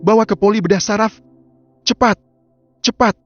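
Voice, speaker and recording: A man voicing a gentle young woman doctor in shock, in a storybook reading. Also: on the high side, fast, pitched above the performer's own voice, close to an everyday voice. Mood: screaming. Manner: pleading, shaken. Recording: slightly dull lo-fi audio. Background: faint music.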